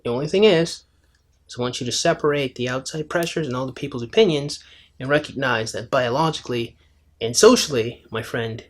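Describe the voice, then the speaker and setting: A man talks to camera in a casual video response, his voice sitting at an ordinary middle pitch. He explains his views in a conversational, slightly lecturing manner. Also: a little fast. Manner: conversational, lecturing, addresses her as "my friend". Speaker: commentary video host.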